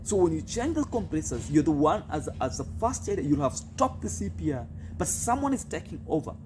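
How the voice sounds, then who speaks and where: A man's voice: a little high, very animated, fairly quick, darkish tone. A man teaching practical CPR as a first aid instructor, stressing and repeating key points. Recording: clearly noisy recording with ambience.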